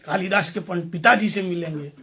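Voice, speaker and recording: A man's voice: sits high, normal speed, sharp tone. A man giving a storytelling sermon to a gathering, playful, acting out the dialogue and putting questions to his listeners. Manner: playful, acts out dialogue, asks audience questions. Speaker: spiritual teacher.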